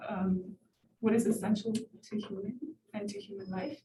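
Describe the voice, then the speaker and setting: Her voice sits in the mid range, dark-toned and fairly even, moving at a normal speed as she puts a hesitant question from the floor. She is an Ethiopian woman in her twenties, a student at a university event, stumbling through fillers and restarts. The recording comes from far off in a roomy lecture hall, with a little hiss or hum.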